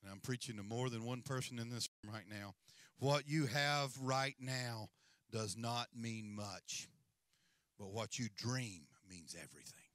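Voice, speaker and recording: A man's voice: medium pitch, a little slow, a bit bright, no echo. A middle-aged man preaching a sermon as senior pastor on a large church stage, with a handheld mic and a repetitive, rising and falling cadence.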